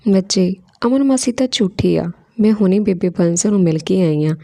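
A woman voicing an affectionate young mother who talks earnestly, with a gravelly, mellow voice. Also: medium pitch, animated, normal speed.

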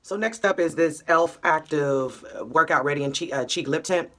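This casual vlog chat comes from a young woman whose voice sits low and sounds fairly bright, delivered at a moderate pace. She's an upbeat, slangy beauty vlogger filming with a phone held near, at home in a small room, then on a city street and at a gym.

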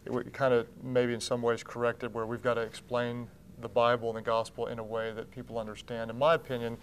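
Appearing as a TV interview guest on a blue-draped studio set, a pastor in his thirties who founded a church speaks in a mid-range voice. His delivery is brisk and flat, and there is slight background noise. He gestures earnestly with both hands and restarts sentences many times.

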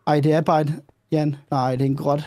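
A man's voice: fairly high pitch, little pitch movement, dark tone, no echo. A young man co-hosting a let's play, mock-dramatic and whiny, with yelps when he gets scared. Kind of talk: casual gaming banter.

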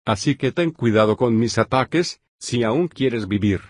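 A man voicing a menacing demon man with tentacles in a synthetic fanfic reading, delivering gloating threats flatly. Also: mid-range voice, a little slow, dry recording. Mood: cold.

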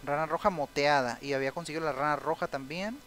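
A man's voice: fairly high pitch, fast, over music, rough recording. Chatty young man narrating his gameplay. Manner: chatty, reads game text aloud, frequent sympathetic exclamations. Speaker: gameplay commentator. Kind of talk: casual let's-play commentary.

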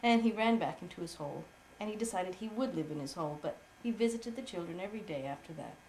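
A mother with a cold, gently making up a bedtime story for her child at home. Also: lowish voice, animated, fast. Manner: gentle, laughing between phrases. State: has a cold. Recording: echoey room, faint noise.

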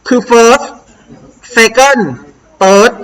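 A woman English teacher with a Thai accent, slowly and patiently explaining a worksheet to young pupils and having them repeat words. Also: fairly high pitch, clear, resonant tone, low-quality recording.

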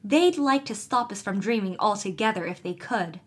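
A woman's voice: mid-range voice, expressive, moderate pace, husky. A woman reading a spirited girl storyteller. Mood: wrathful. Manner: spirited, eager.

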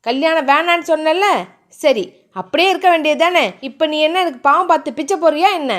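A woman voicing a hot-tempered young man who shouts fast and angrily, in a romance audiobook. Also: high-pitched, natural voice. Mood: angry. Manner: angry, fast, loud.

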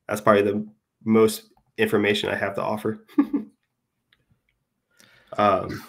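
A man in his thirties, a dyer appearing as a guest, chats casually over a webcam video call from a room at home. He rambles and puts himself down, using lots of hesitant fillers, in a lowish, creaky voice that's completely flat and slow.

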